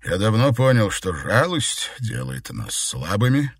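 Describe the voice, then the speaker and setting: A cold, manipulative emperor, as a male narrator plays him, calm and measured, with a low voice. He sounds self-assured and unhurried. The read is dry. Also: slightly rough, dry recording, heavily acted. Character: scheming emperor, middle-aged man, cold manipulator. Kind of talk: audiobook character voice.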